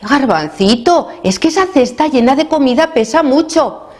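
A woman's voice: sits high, lively intonation, normal speed, darkish tone, pitched above the performer's own voice. A woman voicing a worried mother in a storybook, anxious and exclaiming. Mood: gently fretting.

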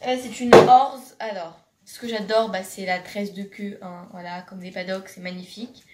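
A teenage girl talks in a chatty, gushing way, full of fillers and restarts, as she shows off her things in a casual vlog. Her voice sits at a middle pitch. It is picked up by a camera across her bedroom, so it sounds roomy and a bit distant. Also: fairly even intonation, moderate pace. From France. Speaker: vlogger. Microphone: camera across the room.

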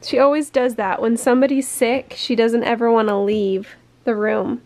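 A middle-aged mother and vlogger films around her farm home, chatting playfully and laughing often in a casual family vlog. Her voice is on the high side and darkish in tone, with fairly even intonation and a moderate pace.

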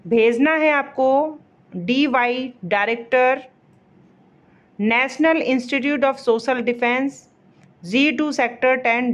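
A woman explaining a job vacancy notice in a casual walkthrough, pausing on fillers and reading official names slowly. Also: a little high. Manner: explanatory, repeats fillers and pauses mid-phrase; reads English names slowly, word by word.

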